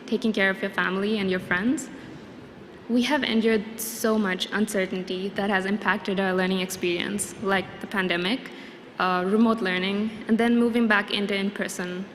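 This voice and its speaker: A young woman from Sri Lanka giving a formal graduation address, earnest and measured. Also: medium pitch. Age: young adult. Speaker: student graduation speaker. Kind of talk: formal prepared speech. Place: large convocation hall. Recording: long hall reverb, faint noise.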